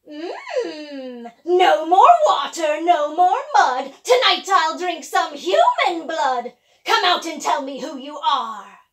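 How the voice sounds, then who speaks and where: A woman voicing a fierce, hungry old witch who chants loud threats. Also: very high-pitched, very animated, slow, distant mic, heavily acted. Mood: menacing.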